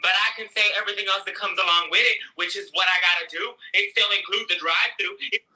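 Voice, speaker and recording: A woman ranting to camera, loud, profane and dramatic. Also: medium pitch, steady tone, quick pace, low-quality recording. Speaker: ranting storyteller. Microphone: desk camera mic.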